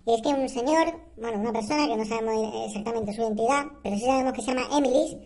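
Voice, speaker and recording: A woman from on a comedy podcast, telling an odd news item in a playful, deadpan way. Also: on the high side, racing, over a noisy crowd. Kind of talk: comic news segment.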